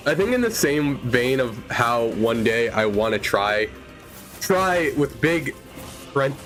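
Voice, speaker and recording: A man's voice: medium pitch, very animated, slow, a bit bright. Young guy rambling through a game stream, mid voice, a little music under it. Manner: rambling, chatty, self-correcting. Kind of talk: casual gaming stream chat. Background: faint game music.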